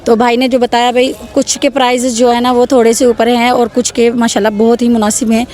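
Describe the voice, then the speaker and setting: A woman's voice: on the high side, level tone, brisk, a little mellow. A woman with a Pakistani accent hosting a market vlog outdoors, selling the goods to viewers in repetitive patter that urges them to come and buy. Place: outdoor street bazaar.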